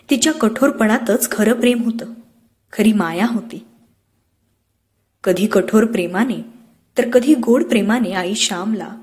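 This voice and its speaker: A woman narrating an audiobook with measured, expressive storytelling. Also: medium pitch. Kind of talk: scripted narration of a classic novel.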